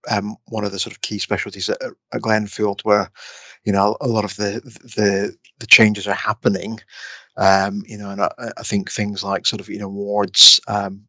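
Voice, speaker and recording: A middle-aged man speaks in a bright, fairly low voice, stumbling over restarts as he answers questions. His delivery stays flat and even. The recording is dry and close. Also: moderate pace, no echo. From Scotland. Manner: hesitant, many restarts and fillers. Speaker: guest, respiratory consultant. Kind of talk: casual interview answers.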